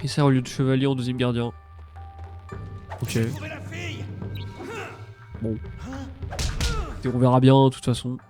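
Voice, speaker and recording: Over soft background music, a young gamer with a stuffy nose talks in a flat, mellow, medium-pitched voice, a little slow and full of long pauses. The live stream chat is casual and hesitant, with repeated words and some mild swearing.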